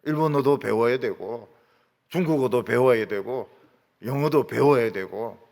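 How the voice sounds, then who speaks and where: A man's voice: medium pitch, measured pace, vocal fry, darkish tone. A male pastor delivering a sermon with emphatic rhetorical questions, recorded in a church hall. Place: church sanctuary. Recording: long reverb of a church hall.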